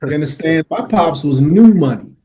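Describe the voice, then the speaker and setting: A fortyish man from Miami, Florida, tells his life story earnestly as a podcast guest in an interview. His voice is on the high side, animated and mellow, at a moderate pace. He uses casual slang and lots of "uh"s and "right?"s.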